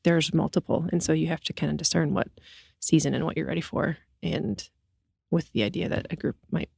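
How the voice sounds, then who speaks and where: A woman's voice: sits low, steady tone, fairly quick, vocal fry, a little mellow, slightly rough, dry recording, clean studio sound. A woman co-hosting a casual church podcast, eager and explaining church programs, laughing easily. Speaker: podcast co-host.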